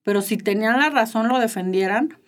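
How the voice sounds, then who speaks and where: A woman's voice: a little high, fairly quick. A middle-aged woman with a Mexican accent, a mother talking thoughtfully about raising her children. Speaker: guest, mother. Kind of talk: casual chat.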